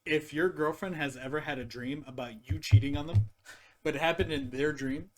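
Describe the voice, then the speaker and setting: A young man in a casual podcast chat, voice pitched slightly high. He talks things through reflectively, restarting his sentences, and slips in jokes. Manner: reflective, halting, jokey. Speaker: podcast co-host.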